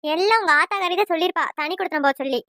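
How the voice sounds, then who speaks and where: Cartoon: a woman as a shrill, scolding old mother-in-law; very high, bright, dry studio read. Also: very fast, no room sound. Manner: nagging, shrill, quarrelsome. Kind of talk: cartoon voice acting.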